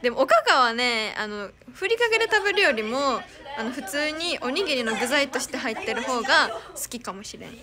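A young woman with a high, bright voice and a Kansai accent chats casually to fans on a live stream. She giggles often and thanks viewers as she reads their comments. A crowd murmurs in the background. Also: animated, fairly quick. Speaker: idol streamer.

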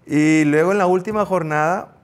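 A middle-aged man with a Mexican accent, a former goalkeeper, telling an anecdote in an interview, acting out the shouts he quotes. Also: a little high, normal speed. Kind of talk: storytelling in an interview.

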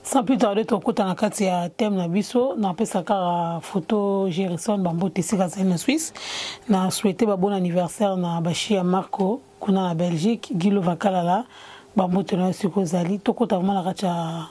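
A woman's voice: mid-range voice, steady tone, moderate pace, dark tone, husky. A young woman hosting an interview in a clothing shop, switching between Lingala and French, speaking into a handheld mic. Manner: mixes Lingala and French, brief assents. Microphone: handheld mic with windscreen.

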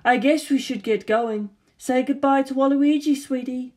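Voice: high voice, normal speed, darkish tone, voice pushed up, natural voice. A reader voicing a loving, chatty wife and mother in a comic screenplay read-aloud. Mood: affectionate.

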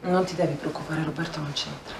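Soap mother-to-be, soft and grateful, quick, roomy with music. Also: low-pitched, fairly even intonation, vocal fry, noisy background. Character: gentle expectant young mother, grateful and relieved.

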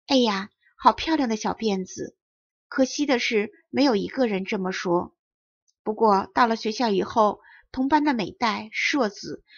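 A woman reads a children's storybook aloud with clear, lively storytelling, her voice pitched a little high. The recording is close and dry, with a dull, lo-fi edge. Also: no echo. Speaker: audiobook narrator. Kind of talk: storybook narration.

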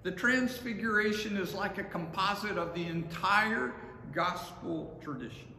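A man in his sixties, a pastor giving a measured, deliberate sermon from the pulpit of a large empty sanctuary, recorded by a camera at a distance. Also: high-pitched, vocal fry, bright, forceful tone. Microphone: far camera. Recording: echoey hall, faint room hum.

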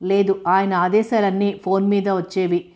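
A woman's voice: mid-range voice, level tone, normal speed, a little mellow, lightly acted. A woman reading the part of an ashamed, troubled young woman in an audiobook, in an earnest, pleading voice. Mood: subdued.

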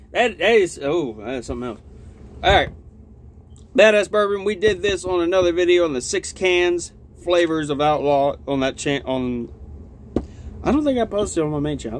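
Chatting and cursing his way through a vlog product review, a young adult man with a lip full of dip rambles on casually from a small, cluttered log-walled room indoors. His voice leans high, and there's slight background noise.

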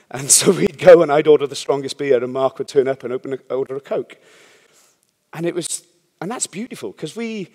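Warm in tone and medium in pitch, this man is a startup founder speaking at a conference. He rambles candidly, swears now and then, and keeps asking the audience "yeah?". The recording carries the long reverb of a conference hall.

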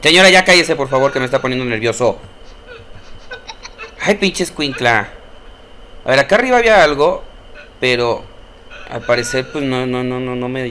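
On his stream, a young gameplay commentator with a Mexican Spanish accent plays a horror game, cursing a lot, startling at scares, and answering back to the characters on screen. His mid-range voice is fairly bright, and there's a touch of hiss or hum.

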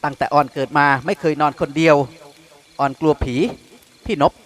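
Male reader doing a coy young woman, soft and teasing, audiobook. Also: fairly high pitch, steady tone, moderate pace, lightly acted. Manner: soft, teasing, slightly slurred. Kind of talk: audiobook character voice.

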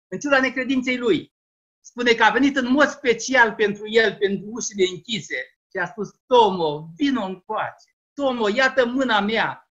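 Man with a Romanian accent, lay preacher, earnest and deliberate, dull video-call audio. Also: sits high, a bit bright. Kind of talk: Easter sermon over video call.

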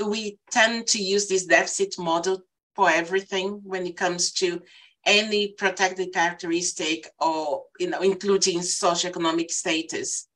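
Lower-voiced woman. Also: fairly bright tone, rough recording. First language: Portuguese. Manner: thoughtful, hesitant, frequent restarts. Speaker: panelist. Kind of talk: panel discussion on a video call. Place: small room indoors. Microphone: laptop webcam mic, video call.

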